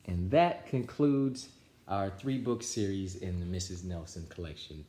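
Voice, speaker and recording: A warm, low-pitched male voice at a measured pace brings a children's storybook to life in an animated read-aloud. The man chats casually with viewers and signs off, recorded indoors at home with roomy echo.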